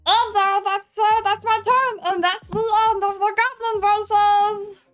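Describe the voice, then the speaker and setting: A player putting on a squeaky goblin voice while taking a turn in a card game, giggly and sing-song. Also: level tone, slow, a bit bright, full character voice. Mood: goofy. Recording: faint background music.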